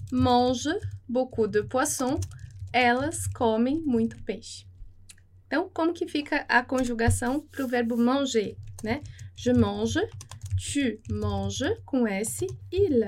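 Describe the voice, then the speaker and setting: A woman with a Brazilian Portuguese accent teaches a French lesson, repeating each phrase slowly and then translating it. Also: on the high side, darkish tone. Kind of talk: slow, patient language lesson with repetition.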